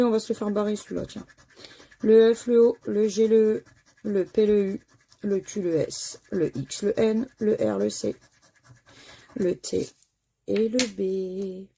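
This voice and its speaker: Slow, gravelly-voiced French woman. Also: medium pitch, warm tone. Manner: slow, musing, spells out letters one by one. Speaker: scratch-card channel host. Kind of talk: casual commentary while scratching lottery tickets.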